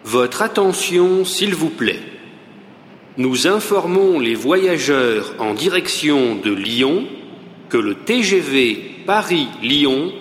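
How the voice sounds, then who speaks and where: Formal station announcer over the loudspeaker, slow, echoing through a big hall with faint noise. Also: male voice, on the high side, expressive. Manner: slow, formal, measured delivery. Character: male railway station announcer, formal and calm. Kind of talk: scripted public announcement. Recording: echoey hall, long reverb, faint noise.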